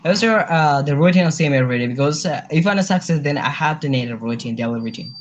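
Teenage boy, slightly high voice, polite and deferential, dull lo-fi call audio. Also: animated, fast talker. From Bangladesh. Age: teens. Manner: polite, says "sir" often, simple broken English. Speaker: student guest. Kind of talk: answering interview questions in English. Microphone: webcam on video call.

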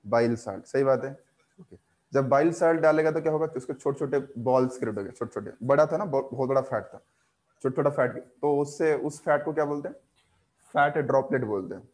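A man's voice: medium pitch, a little mellow. Man teaching biology, quizzing students. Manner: quizzes students with rapid questions; mixes English terms into Hindi, repeats key words. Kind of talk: live online class lecture.

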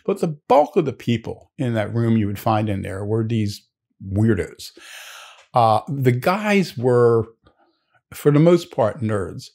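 An older man with a gravelly edge to his voice tells stories from his student days. He rambles and restarts often, and his pitch swings widely as he recounts them. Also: big pitch swings, slow, a little mellow. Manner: rambling, with many restarts and asides. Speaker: naval historian. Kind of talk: anecdotal storytelling.

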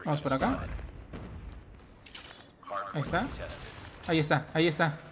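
Excitable male gamer shouting mid-match. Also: fairly high pitch, a little hiss or hum. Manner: excitable, bursts into shouts and cries; repeats phrases in quick doubles. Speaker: gameplay streamer. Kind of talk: excited live gameplay commentary.

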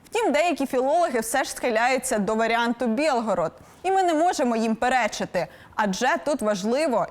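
A young woman philologist presenting a scripted educational lesson with a Ukrainian accent, clear and didactic with a light wry touch. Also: fairly high pitch.

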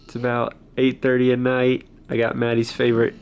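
20s guy chatting to his vlog camera, normal pitch, bit of hospital room noise. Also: monotone, brisk. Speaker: vlogger, expectant father. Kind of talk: casual vlog chat. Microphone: handheld camera at arm's length.

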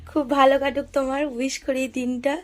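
A woman's voice: high-pitched, level tone, quick pace. Chatty woman vlogger, roomy echo. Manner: chatty, talks straight to viewers. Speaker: family vlogger. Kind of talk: casual vlog narration to viewers. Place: home and rooftop at night.

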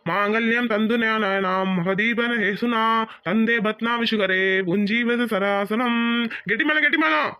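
A voice actor playing a calm, patient temple priest in a cartoon, chanting formally. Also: mid-range voice, quick pace, a little hiss or hum, natural voice. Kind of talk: Tamil cartoon voice acting.

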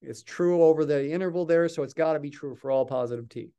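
An older man teaches a recorded calculus lesson, explaining step by step and thinking aloud while he writes. His voice sits a little high for a man, yet it is mellow and smooth. He talks into a desk mic in a small office. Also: fast talker. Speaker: math lecturer.

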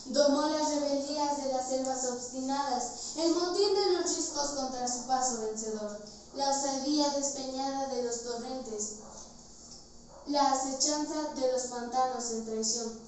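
A woman's voice: high voice, unhurried, a little mellow. Teen girl w/ central mexican accent doing big dramatic poem declamation, really echoey room, bit of background noise. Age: teenager. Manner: solemn, theatrical, declaimed projection. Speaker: student reciter. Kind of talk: grand poetry declamation. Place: indoors, bare tiled-floor room. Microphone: far camera. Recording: distant mic, very echoey room, faint noise.

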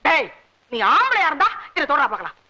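An actress playing a defiant village woman who shouts down and curses a bullying butcher in a film scene. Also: sits high, big pitch swings, quick pace, highs cut off. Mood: furious. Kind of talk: 1980s-90s Tamil film drama dialogue.

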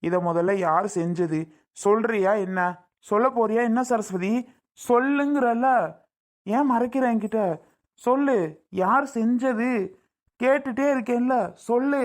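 A woman plays a fussy husband with a mid-pitched voice who keeps questioning and scolding. The manner is nagging and loud. It is the broad acting of a family comedy skit. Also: fairly quick, natural voice. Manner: nagging, shouting interrogation.

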